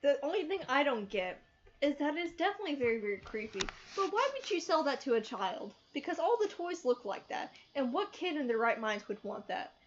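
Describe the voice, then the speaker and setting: High-voiced young woman, lo-fi recording. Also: brisk. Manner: animated, emphatic rhetorical questions. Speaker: film review co-host. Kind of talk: casual review chat. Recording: dull lo-fi sound.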